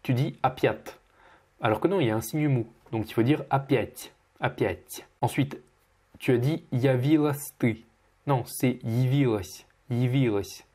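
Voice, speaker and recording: A man teaching pronunciation as he corrects a student, patiently repeating each word slowly. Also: mid-range voice, mellow. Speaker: Russian language teacher.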